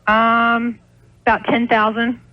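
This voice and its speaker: This American woman, a small restaurant owner, speaks slowly and in a monotone at a fairly high pitch while calling a radio show. The unscripted phone-in has her explaining things hesitantly and ramblingly, and the telephone recording is dry, dull and lo-fi.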